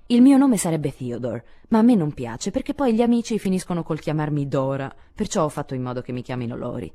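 A woman reads as a shy, well-mannered teenage boy in a classic audiobook. He speaks in a reserved, quiet way with a low, dark tone. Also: lively intonation, fairly quick. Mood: polite. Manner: polite, reserved, softly spoken. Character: polite, shy fifteen-year-old boy.

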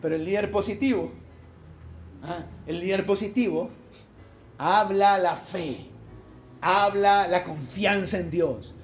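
A man's voice: high-pitched, slow, pauses often, soft background music. A man preaching a sermon as pastor, emphatic and quizzing the congregation with rhetorical questions. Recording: dull live church recording with faint ambience.

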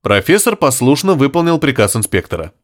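Expressive male audiobook narrator. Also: medium pitch, a little fast. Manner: expressive, theatrical reading. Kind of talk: scripted narration.

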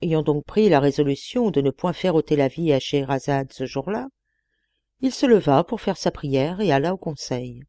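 A woman narrating a classic tale in a measured, expressive audiobook reading on a close mic. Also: low voice, no room sound.

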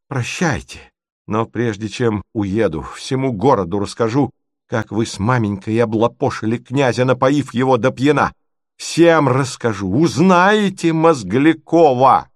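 A man voicing a hot-tempered young gentleman, jilted and indignant, with drawn-out shouted outbursts in a storybook reading. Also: mid-range voice, gravelly, no room sound, clean studio sound, close to an everyday voice. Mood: furious.

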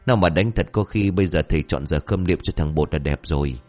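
A man's voice: low-pitched, a little fast, darkish tone, faint music behind, pitched below the performer's own voice, natural voice. A man voicing a sly, gossipy young village man.

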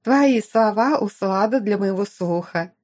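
A woman's voice: medium pitch, a little slow, darkish tone, close to an everyday voice. A woman voicing a cocky, cheerful young sorceress who teases and mocks her rival. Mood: teasing glee. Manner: teasing, playful. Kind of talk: audiobook character voice.

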